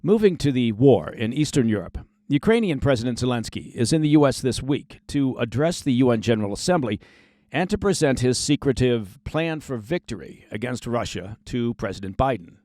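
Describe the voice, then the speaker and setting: A man's voice: medium pitch, lively intonation, brisk, darkish tone, no room sound, clean studio sound. A man hosting a daily news podcast, reading scripted commentary with sarcastic asides.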